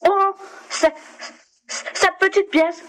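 An actor playing an excitable, stammering household member in a comic radio serial. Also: very high-pitched, very slow, slight background noise, full character voice. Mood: flustered. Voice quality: heavy stammer.

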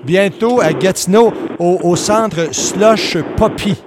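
A man with a Québécois French accent hosting a radio show, playful and quick to laugh. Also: high voice, noisy background. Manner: lively and playful, laughs easily. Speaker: radio host. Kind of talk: casual radio chat. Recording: music playing behind.

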